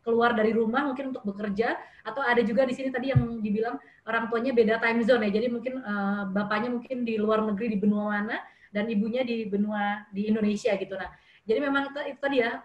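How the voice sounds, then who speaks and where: A woman hosting a talk show, summarizing the discussion with hesitant fillers. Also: on the high side. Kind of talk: moderating discussion. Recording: roomy echo.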